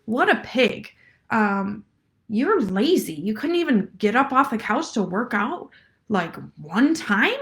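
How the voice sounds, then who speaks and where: Brief: a woman playing a jerky, insulting female trainer, scornful and harsh, fairly high voice. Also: sing-song, takes it slowly, heavily acted. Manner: harsh, belittling.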